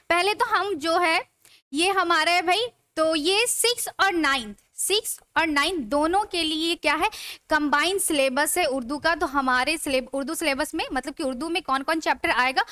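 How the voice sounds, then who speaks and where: A woman's voice: high voice, moderate pace, pushed and bright, no room sound, studio quality. A young woman teaching an online grammar class, chatty and asking her students rhetorical questions as she goes. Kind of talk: live online class lecture.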